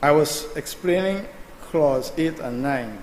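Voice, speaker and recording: A man's voice: fairly high pitch, slow pace, a little mellow. A man giving an emphatic, combative speech as a senator in a parliamentary debate, addressing the chair. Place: legislative chamber. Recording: echoey chamber with long reverb, faint noise.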